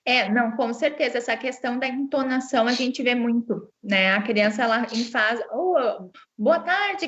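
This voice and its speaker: A woman from the south of Brazil, a speech therapist, explaining patiently to parents on a video call and checking in with tag questions after each point. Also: sits high. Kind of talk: expert answering parents' questions. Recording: muffled video-call audio.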